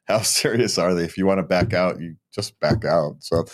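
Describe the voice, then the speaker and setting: An older man co-hosting a podcast, chatting casually and laughing often. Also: low-pitched. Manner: relaxed, joking, laughs often. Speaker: podcast co-host. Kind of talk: casual chat.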